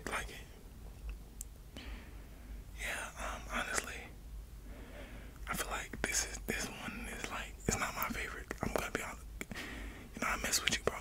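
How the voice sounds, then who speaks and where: A young man whispers right up at the microphone in a whispered role-play. He plays a casual salesman with chummy, slangy patter. The delivery stays breathy and unvoiced, like ASMR. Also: moderate pace, long pauses, rough recording. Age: young adult. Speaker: ASMR creator playing a ball salesman. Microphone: close desktop microphone.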